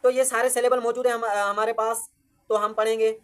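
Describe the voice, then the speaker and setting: A woman teaches grammar in a fairly high voice. She works through each point by asking a question and then answering it herself. English definitions come out slowly and with care. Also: little pitch movement. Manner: slow, deliberate reading of English definitions. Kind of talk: classroom-style grammar lesson.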